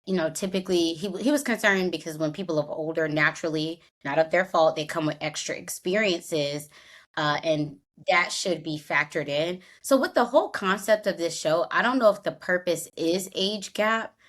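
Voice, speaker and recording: A woman's voice: fairly low pitch, normal speed, fairly bright tone. A woman co-hosting a podcast, recapping a reality show in casual chat and acting out what people said. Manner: recounts scenes, acts out quotes. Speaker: podcast co-host.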